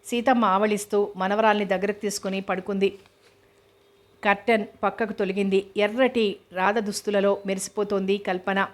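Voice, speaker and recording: A woman narrates a novel in a measured, even way. Her pitch sits in the middle and barely moves, so every line comes out in the same level tone. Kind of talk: reading a novel aloud.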